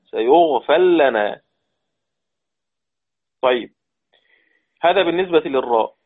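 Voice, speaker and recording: A male teacher leads a Quran recitation lesson, his voice sitting a little high. He rattles through the rules, then slows down to recite each example and says it again. The sound is narrow and tinny, like a phone line. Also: husky. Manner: explains rules quickly, then recites verses slowly and repeats them.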